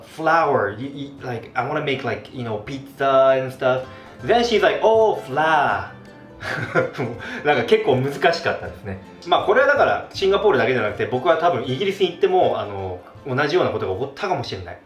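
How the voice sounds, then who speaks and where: Man from Japan, casual vlog, lively swooping pitch, chuckling, echoey room. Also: fairly quick. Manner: animated, demonstrates pronunciations, chuckles often. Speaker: vlogger. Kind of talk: casual talk to camera. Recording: echoey room, faint background music.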